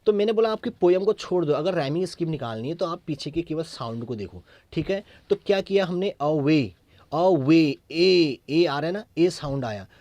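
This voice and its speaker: A man teaching an English lesson in Hindi, mixing in English, with an Indian accent. He repeats key points, checks with the class through short questions, and reads English verse lines slowly. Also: on the high side, dark tone, no room sound.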